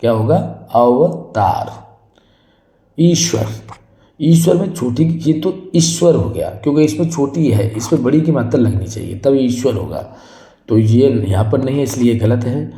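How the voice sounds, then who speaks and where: Echoey, mellow-voiced male spelling teacher. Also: mid-range voice, expressive. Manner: drills each word slowly and repeatedly, asks the class questions. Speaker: Hindi teacher. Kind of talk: exam-prep spelling lesson.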